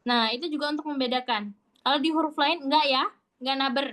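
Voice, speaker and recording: High-voiced woman teaching recitation. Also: steady tone, fast talker, a bit bright. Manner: patient, demonstrates sounds aloud; casual, chatty explaining. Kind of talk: online recitation class.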